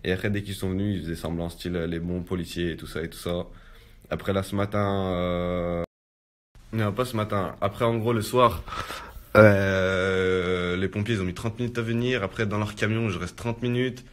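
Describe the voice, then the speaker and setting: A young man with a low, steady voice, speaking at a normal pace, casually tells of a personal ordeal in street slang, peppering his testimony with "en gros."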